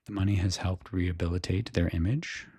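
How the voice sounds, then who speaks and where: A man with an American accent giving soft-spoken, breathy ASMR sports commentary in a casual, musing way. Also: low voice, fairly even intonation, a little fast, dry recording. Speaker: host giving a baseball season preview.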